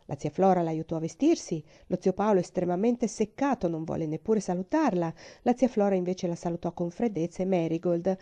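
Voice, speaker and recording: A woman narrating a classic novel aloud as an expressive, suspenseful audiobook reading. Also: on the low side, fairly quick, hardly any pauses. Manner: dramatic, suspenseful.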